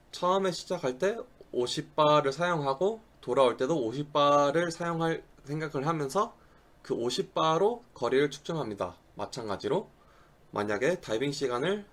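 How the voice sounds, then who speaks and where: A man who is not a native Korean speaker gives an instructional lecture, with a halting delivery and slips on words. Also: mid-range voice, a bit bright. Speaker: diving instructor giving a lecture. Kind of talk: instructional slide presentation.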